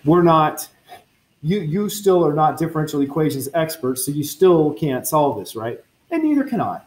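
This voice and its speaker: His voice sits on the high side with a sing-song, slightly mellow lilt and a moderate pace as he teaches university physics. In this lecture recording he works equations step by step, thinks aloud, corrects himself and makes chatty asides to students.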